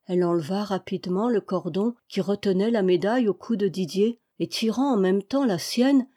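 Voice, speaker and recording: Mellow-voiced woman reading a novel. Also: medium pitch. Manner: steady, expressive narration. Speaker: audiobook reader. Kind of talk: novel read aloud.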